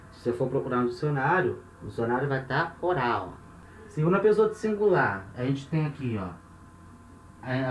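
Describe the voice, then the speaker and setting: A man's voice: medium pitch, recorded from a distance. A man with a Brazilian Portuguese accent teaches a lesson, working through each step, counting aloud and often checking that his listeners follow. He stands some way from the microphone in an echoing room, with a faint hiss in the background. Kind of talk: classroom lesson at a board. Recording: roomy echo, off-mic, faint hiss.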